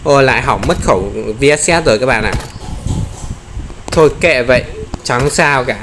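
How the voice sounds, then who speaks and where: A man giving excited gameplay commentary, often exclaiming and playfully taunting enemies. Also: medium pitch, moderate pace, background noise.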